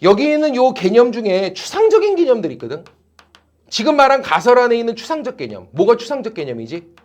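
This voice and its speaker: A man teaching a class at a tutoring academy, animated and teasing, with blunt slang. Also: very high-pitched, quick pace. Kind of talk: classroom lecture.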